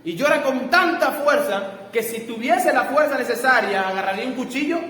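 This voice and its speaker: Animated high-voiced preaching pastor, echoey hall. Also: male voice, moderate pace. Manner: animated preaching, acting out short quoted exchanges. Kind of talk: sermon. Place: church sanctuary. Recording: echoey church hall, faint background noise.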